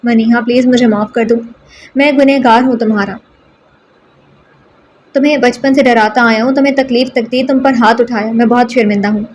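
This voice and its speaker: Woman narrator plays a remorseful young husband in a storybook reading, earnest and coaxing, a bit high. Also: fairly even intonation, long pauses, darkish tone, slight background noise, close to an everyday voice. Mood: pleading.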